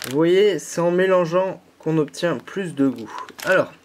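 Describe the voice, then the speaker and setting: A young man from France, a YouTuber with a mild head cold, takes viewers patiently through each step of a candy kit tutorial while leaning on lots of fillers. He has a fairly high voice and a measured pace, with slight background noise.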